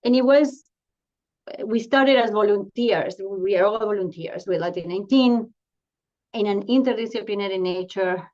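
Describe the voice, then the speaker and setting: A woman from Argentina, a family doctor and professor, giving an earnest, halting talk from home over a video call, with many fillers and restarts. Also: mid-range voice, darkish tone, lo-fi sound. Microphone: computer mic on a video call.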